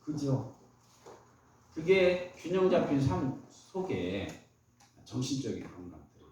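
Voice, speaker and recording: A man's voice: mid-range voice, mellow. A man giving a motivational talk to an audience, telling stories and asking the crowd questions. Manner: storytelling, asks the audience questions. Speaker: motivational speaker. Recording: very echoey room, heard from a distance.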